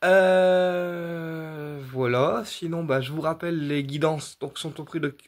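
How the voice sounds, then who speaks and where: A man's voice: on the high side, fairly even intonation, slow. A man, a medium casually explaining his readings straight to his viewers, rambling with many fillers, restarts and repetitions. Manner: addresses viewers directly, checking in with "d'accord". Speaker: medium offering paid readings. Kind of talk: casual direct-to-camera explanation.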